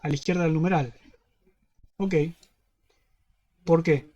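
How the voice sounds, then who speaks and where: A man with a fairly high voice and a Rioplatense Spanish accent, walking students through a problem in an online class. He goes step by step and keeps asking whether they follow. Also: fairly even intonation, measured pace, darkish tone, lo-fi sound. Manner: step-by-step, constantly checking in with "¿sí?". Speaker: university teaching assistant.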